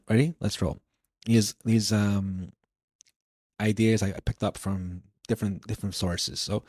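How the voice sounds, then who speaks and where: A man's voice: lowish voice, darkish tone, no room sound. A man hosting a casual self-help podcast, joking playfully and often restarting his sentences. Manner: playful, jokey, with frequent restarts. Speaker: podcast host.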